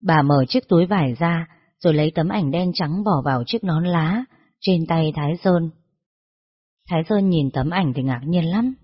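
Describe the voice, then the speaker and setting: A narrator reading a story in a steady, measured way. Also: mid-range voice, slightly rough. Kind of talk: scripted storytelling. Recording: dull lo-fi recording.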